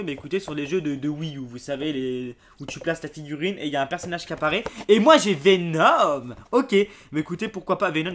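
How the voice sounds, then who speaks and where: Excitable young man with a lively voice. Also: on the high side. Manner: excitable, exclaims and laughs at items. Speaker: YouTuber unboxing a subscription box. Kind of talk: casual unboxing vlog.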